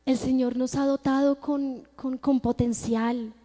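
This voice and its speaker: Colombian woman preacher, high mellow voice, earnest storytelling testimony, long church reverb. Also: little pitch movement, measured pace. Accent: Colombian Spanish. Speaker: church speaker giving testimony. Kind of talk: testimony sermon. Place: church hall.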